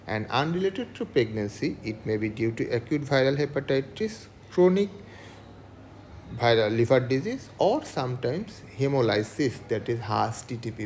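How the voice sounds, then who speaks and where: Gravelly-voiced man lecturing. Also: mid-range voice, darkish tone, slight background noise. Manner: asks questions then answers, lists items. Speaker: medical lecturer. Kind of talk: clinical case lecture.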